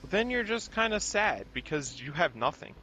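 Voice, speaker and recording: A young man streams a game and rambles through an absurd, meandering rant. His voice sits fairly high and sounds bright, and it swoops around wildly as he rambles. He keeps breaking into squeaky mock voices. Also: sing-song, normal speed, a little hiss or hum, rough recording.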